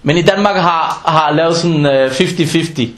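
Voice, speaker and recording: High-voiced animated man preaching. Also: reverberant. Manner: animated, acts out dialogues in quoted voices. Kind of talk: informal sermon.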